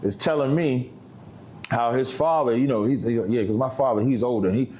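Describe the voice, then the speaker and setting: A man in his 50s, a guest in a casual interview, talks loosely and emphatically, packing in street slang with a preachy tone. His voice is medium-pitched and a little mellow, at a moderate pace.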